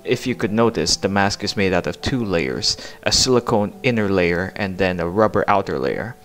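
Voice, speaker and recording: A man's voice: sits low, lively intonation, normal speed, a bit bright, soft background music. A man narrating a hands-on product review in a plain-spoken, explanatory way.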